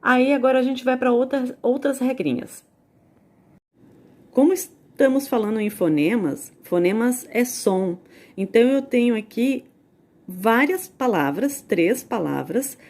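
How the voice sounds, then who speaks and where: A woman with a Brazilian Portuguese accent teaching a recorded video lesson, explaining slowly, spelling out sounds and repeating key points. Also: a little high, a little mellow.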